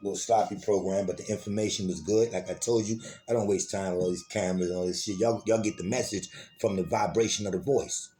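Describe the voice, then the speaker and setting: Over soft background music, a man speaks fast in a lowish, warm voice with a steady tone. Hosting his own online program as a self-styled teacher, he gives an informal, streetwise lecture, swearing freely, repeating himself, and addressing the audience as y'all.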